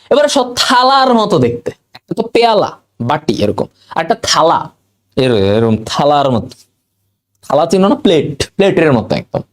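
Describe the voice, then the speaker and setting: A man teaching biology for exam prep, quizzing his students and drilling memory tricks by repetition. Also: on the high side. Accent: Bangladeshi Bengali. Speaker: biology tutor.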